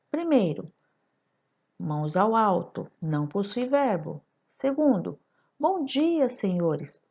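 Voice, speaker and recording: A woman's voice: on the low side, darkish tone, slightly rough, dull audio. A woman teacher giving a recorded grammar lesson, explaining terms step by step and asking her students rhetorical questions. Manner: didactic, addresses students directly with rhetorical questions.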